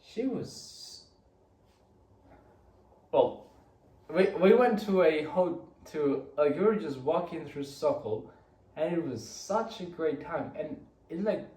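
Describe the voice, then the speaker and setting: A man's voice: fairly high pitch, dark tone. A young man from Rica, telling his week in a chatty, rambling way with many restarts. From Costa Rica. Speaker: vlogger. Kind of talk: casual weekly recap monologue. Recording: roomy, from a distance.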